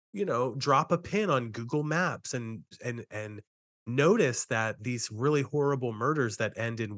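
A man with a mid-pitched voice co-hosts a true-crime podcast. He talks through the case conversationally, in a dry recording free of room echo. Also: a bit bright.

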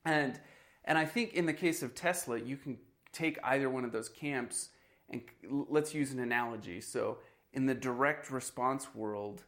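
Brief: man, mid-pitched voice, loose podcast talker who leans on fillers. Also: normal speed, a bit bright. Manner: conversational, heavy on "you know" and "like". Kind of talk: casual podcast chat.

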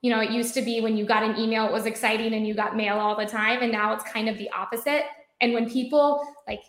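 Speaking fast, a US woman with an American accent talks about her marketing work as an interview guest, loose and rambling with frequent fillers like "um" and "like" and many restarts. Her voice is a little high and the recording sounds roomy and echoey.

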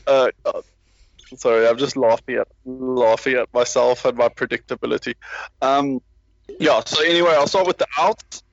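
A man's voice: mid-range voice, fairly even intonation, normal speed, creaky, no echo, highs cut off. A man talking rugby in a casual, rambling way, with many restarts and self-deprecating asides. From South Africa. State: parent with a baby nearby. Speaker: rugby podcast panelist. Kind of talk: casual chat.

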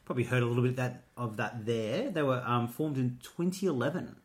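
A man's voice: medium pitch, a little fast. Male co-host, North Queensland accent, chatty and jokey, casual delivery, mid-range voice. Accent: North Queensland Australian. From North Queensland, Australia. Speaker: co-host of a Eurovision show. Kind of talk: casual chat.

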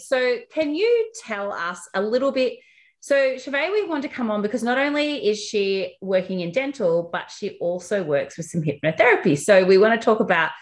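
A woman podcast co-host speaks with a broad Australian accent. Her pitch swings widely as she chats casually, with a giggly, self-mocking manner.

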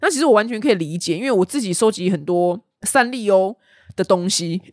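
A young adult woman, hosting a casual news chat with animated storytelling. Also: medium pitch, brisk, dry recording, studio quality. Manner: chatty, animated storytelling with voiced quotes. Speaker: news podcast host.

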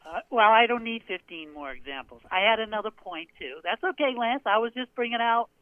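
Radio show caller, high, tinny phone line. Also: male voice, lively intonation, fairly quick, dry recording. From Maine, USA. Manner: argumentative, laughing. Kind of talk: sports radio call-in.

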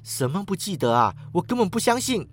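A man's voice: fairly high pitch, lively intonation, moderate pace, natural voice. A man reading a story aloud, voicing a blunt, impatient young woman companion. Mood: scornful.

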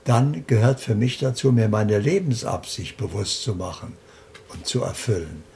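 A man being interviewed, calmly and slowly laying out his spiritual practice point by point. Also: on the low side, gravelly, a little hiss or hum. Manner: slow, deliberate, explaining in lists. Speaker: interview guest. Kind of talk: calm spiritual interview talk.

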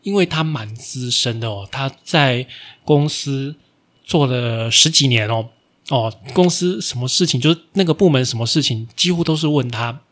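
A man's voice: medium pitch, animated, normal speed, a bit bright. A man, a podcast host telling a casual story with lots of fillers and sentence-final particles. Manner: acts out his own stern scolding in a raised voice.

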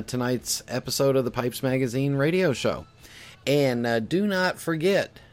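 A man with a gravelly voice hosting a show as a casual monologue, in a halting, folksy way. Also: lowish voice. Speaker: radio show host.

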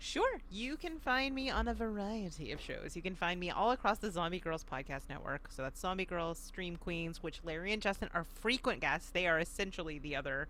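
A woman's voice: lowish voice, animated, a little fast, few pauses, fairly bright tone, a little hiss or hum. A woman guest on a podcast, chatting casually and animatedly, laughing often.

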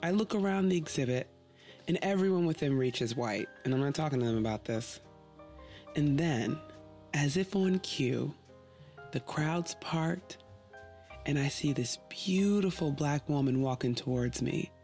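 A woman hosting her own podcast tells the story with a dry, playful wit. Her delivery is relaxed and conversational. Faint music plays under her voice. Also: sits low, unhurried. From United States. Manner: wry, conversational. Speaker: podcast host and narrator. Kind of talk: storytelling narration.

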